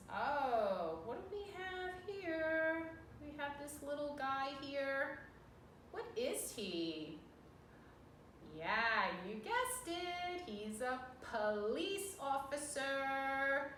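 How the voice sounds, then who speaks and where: A woman's voice: sits high, pushed and bright. A woman preschool teacher giving a virtual lesson to small children, sing-song and encouraging, asking questions and sounding out words. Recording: roomy, distant mic, faint noise.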